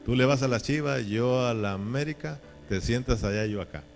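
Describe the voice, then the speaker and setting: A man's voice: mid-range voice, normal speed, gravelly, faint music behind. A man preaching a sermon in a folksy, joking way, often checking in with his listeners. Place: church.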